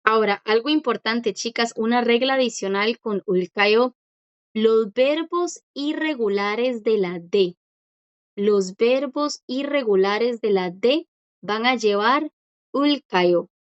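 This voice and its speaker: A woman teaching a language lesson in a patient, repetitive way, often checking that her students follow. Her voice sits somewhat high. The sound is dry and a little dull. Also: slow pace, smooth, no room sound. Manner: patient, repeats key points and checks understanding.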